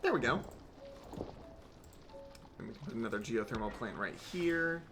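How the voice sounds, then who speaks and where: Wry rambling male streamer, gravelly voice. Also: medium pitch, lively intonation, moderate pace, music in the background. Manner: rambling, wry, swearing asides. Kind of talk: casual gameplay commentary.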